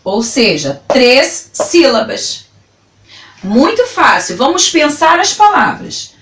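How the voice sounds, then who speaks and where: A woman teaching a grammar lesson to a class, slowly spelling words out syllable by syllable. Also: high-pitched, very animated, fairly bright tone. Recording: echoey room, voice from a distance.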